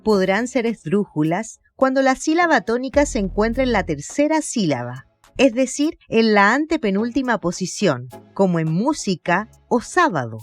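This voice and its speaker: A woman giving a scripted lesson, explaining clearly and deliberately and sounding out example words. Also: on the high side, big pitch swings, soft background music. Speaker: teacher. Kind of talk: scripted educational narration.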